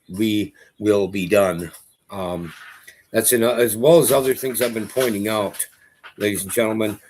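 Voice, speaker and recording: A middle-aged man hosting a casual commentary vlog, talking to his audience in a rambling, conversational way. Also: lowish voice. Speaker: host.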